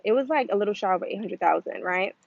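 A woman's voice: mid-range voice, quick pace, gravelly, no room sound. Chatty woman vlogging with dry, dull audio. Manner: rambling, filler-heavy, chatty with frequent "um" and "like"; acts out quoted voices in a livelier tone. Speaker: vlogger sharing her trading story. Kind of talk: casual talking-to-camera vlog.

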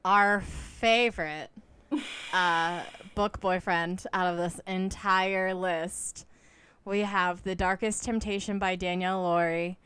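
A woman's voice: lowish voice, steady tone, takes it slowly, fairly bright tone, a little hiss or hum. A woman hosting a podcast, chatting casually about books and using many "like" fillers. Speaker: podcast host. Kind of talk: casual book chat.

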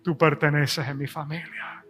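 A middle-aged male pastor preaching a sermon, swelling loud and high at times, then dropping soft. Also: little pitch movement, measured pace, music in the background. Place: church service.

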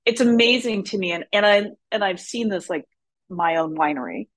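A woman's voice: medium pitch, moderate pace. A woman talking as a guest expert in an interview, direct and emphatic, with frequent fillers. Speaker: wine business guest expert. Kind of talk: casual interview talk.

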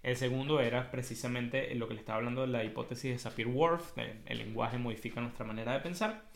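A Venezuelan-accented man hosts a casual monologue at a middling pitch. He explains in a colloquial, animated storytelling manner, dropping in everyday slang. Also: quick pace, creaky, slight background noise. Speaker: host.

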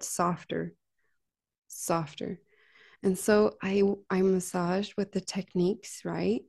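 A woman's voice: mid-range voice, darkish tone. A woman with a middle-range voice speaks casually about her healing work. Her tone is earnest and heartfelt, and her talk is loose and chatty, full of "like" and "right?". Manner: chatty, frequent "like" and "right?" tags. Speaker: massage therapist and healer. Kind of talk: casual conversational storytelling.

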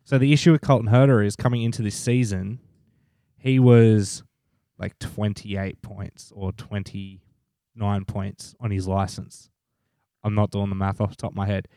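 A man's voice: lowish voice, little pitch movement, measured pace, mellow, no room sound, studio quality. A man with an Australian accent co-hosting a podcast, explaining things in an informal, sweary, conversational way. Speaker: podcast co-host. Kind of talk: casual explainer chat.

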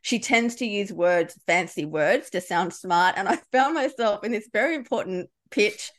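A woman's voice: medium pitch, lively intonation, moderate pace. A middle-aged woman, a leadership coach, answering a podcast interview in a candid storytelling way with frequent restarts.

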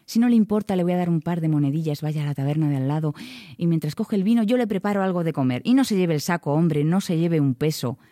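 A woman storyteller voicing a clever, brave mother, coaxing and flattering in a bright, lively tone. Recorded close and dry. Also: sits low, fast talker, no echo, close to an everyday voice. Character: clever, brave mother sweet-talking a stranger.

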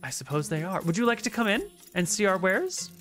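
A woman voicing a tiny, chirpy, excited female gnome shopkeeper in a tabletop game, gushing politely in a little voice. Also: medium pitch, a little fast, soft background music, pitched above the performer's own voice.

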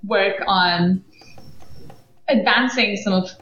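A woman's voice: medium pitch, takes it slowly. A woman in her thirties, from Belgium, a podcast guest who talks casually with many fillers and restarts. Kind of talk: casual interview. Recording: echoey, muffled podcast audio.

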